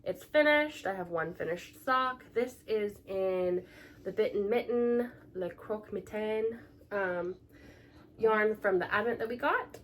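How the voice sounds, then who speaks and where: A young woman co-hosting a casual knitting podcast, chatty and gushing, with sudden excited gasps. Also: medium pitch, a little slow, a little hiss or hum. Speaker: podcast co-host.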